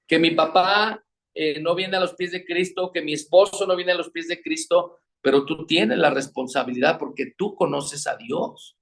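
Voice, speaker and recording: A man's voice: a little high, normal speed, gravelly, fairly bright tone. Preaching man. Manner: preaching with rhetorical questions. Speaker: pastor teaching on marriage. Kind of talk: sermon.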